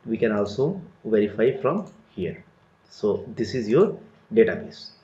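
A man giving a step-by-step screen-recorded software tutorial, explaining each click in a plain, methodical way. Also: on the low side, very animated, unhurried. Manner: step-by-step, plain explanatory delivery with frequent "so" and "let me". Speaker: tutorial instructor. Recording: roomy, dull lo-fi recording.

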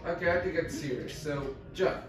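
A man with a high voice giving casual play-by-play over game music, calling out each move in short bursts. He sounds far from the mic in a very echoey room. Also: a little fast. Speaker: gameplay commentator.

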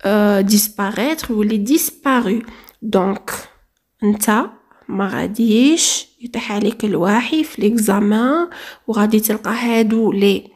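A woman's voice: medium pitch, moderate pace, darkish tone. A woman with an Algerian Arabic accent teaching a French grammar lesson. She switches between French terms and dialect Arabic, and coaxes and addresses her students directly.

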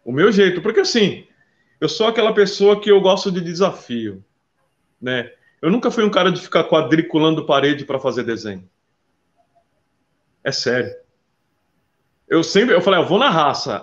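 A man with a somewhat high voice tells his stories in a lively, chatty way, warmly calling the listener "brother" as he goes. The recording sounds dull and lo-fi. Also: moderate pace, long pauses. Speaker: interview guest, visual artist. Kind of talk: casual interview storytelling.

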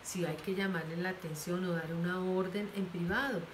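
A woman pastor preaching with earnest pleading, urging parents to speak gently. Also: lowish voice, steady tone, moderate pace. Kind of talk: sermon. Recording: echoey room with faint noise.

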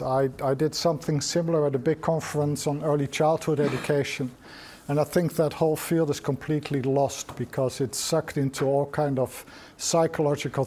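A middle-aged man lecturing at a seminar, with a voice that sits a little higher than most men's. He thinks aloud as he goes, pausing often and restarting his sentences. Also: darkish tone. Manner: reflective, thinks aloud with frequent restarts and ums. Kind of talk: academic seminar talk.

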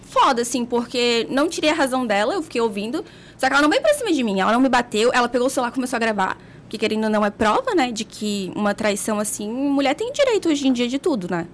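A blunt, candid woman from Brazil recounts her own story as a podcast guest. Her voice sits high and rises and falls in lively swings. She laughs between lines and holds nothing back. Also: quick pace, a little hiss or hum.

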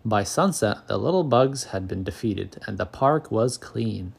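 A man narrating a children's picture book aloud, calm and clear, as the channel's storyteller. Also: on the low side, a little slow.

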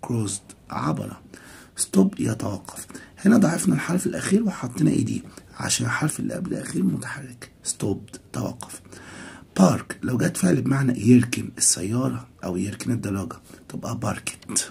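Casting: male teacher, Egyptian accent, dark gravelly voice, slow drilled words, quick explanations. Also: mid-range voice, lively intonation. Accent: Egyptian Arabic. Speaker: English teacher. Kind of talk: recorded classroom lesson for children.

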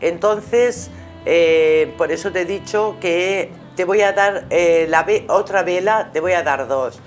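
Her lowish voice moves slowly as this middle-aged Spanish-accented spiritual guide counsels a caller on her live show, full of affection and pet names. The setting is a small curtained TV studio, with music audible in the background.

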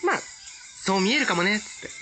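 A man gives hyper, gushing let's-play commentary. His bright voice swings widely in pitch, with soft game music behind him. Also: lively intonation, quick pace.

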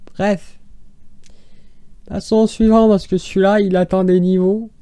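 A YouTuber tears into silly classified ads with exasperated sarcasm, rambling and restarting mid-sentence. The voice is mellow and warm in tone. It is recorded dry and close on a desk mic. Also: mid-range voice, little pitch movement, a little slow, clean tone, dry recording. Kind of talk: mocking commentary on screenshots.

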